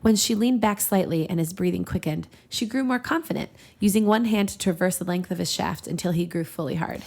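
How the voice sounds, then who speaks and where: She speaks briskly in a lowish, darkish voice while reading fan fiction aloud for her podcast. The storybook-style reading keeps getting interrupted by her giggling, irreverent, chatty commentary.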